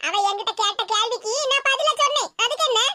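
A woman voicing a sharp-tongued, offended old grandmother in an animated cartoon, with a Tirunelveli Tamil accent and a curt, sulky way of speaking. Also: very high voice, quick pace, no room sound.

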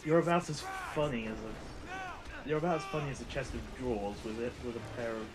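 A man's voice: mid-range voice, brisk. A man explaining game mechanics and teasing his co-op partner. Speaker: co-op gamer. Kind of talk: casual gameplay chat.

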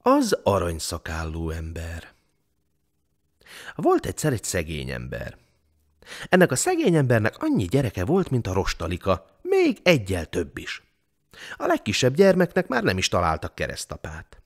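Low-voiced man with sweeping melody telling a tale. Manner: expressive, sweeping. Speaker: storyteller. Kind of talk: scripted fairy-tale narration.

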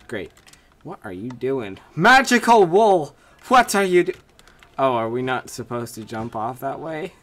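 Recorded at home on a desk mic and webcam, this teenage boy makes gaming videos, giving excited commentary on his own play. He reads signs out loud and lets out shouts and squeals at every win or failure, and his mid-range voice is going hoarse.

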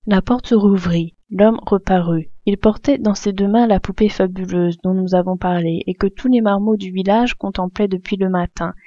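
A woman reading a classic novel aloud, expressively, raising her voice for the characters' shouts. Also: medium pitch, fairly even intonation, moderate pace, few pauses, no room sound, muffled recording. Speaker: reader.

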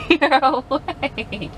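A woman's voice: high voice, wildly swooping pitch, extremely slow, fairly bright tone, a little hiss or hum, poor audio. A mother teasing her son and giggling, talking with her fingers in her mouth, inside a car. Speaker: mother filming her son after surgery. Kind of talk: casual teasing chat.

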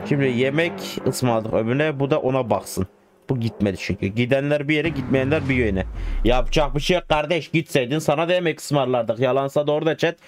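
A man's voice: medium pitch, slight background noise. A man giving casual, joking commentary over a driving game, talking to the game and to his viewers. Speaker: gaming streamer.

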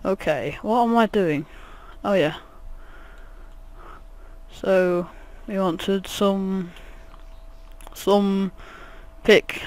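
A man's voice: sits high, fairly even intonation, very slow, long pauses, a little mellow. A man giving rambling, jokey let's play commentary, swearing often. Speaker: gaming channel host.

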